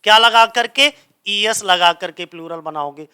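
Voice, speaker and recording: A man's voice: sits high, moderate pace, bright, forceful tone, clear, resonant tone. A man teaching English grammar in a coaching class, speaking. He keeps asking the class a question and then answering it himself.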